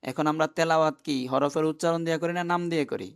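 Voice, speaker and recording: A man's voice: fairly high pitch, fairly even intonation, very fast, gravelly, smooth. A man teaching an online class, who explains step by step and keeps asking his students questions.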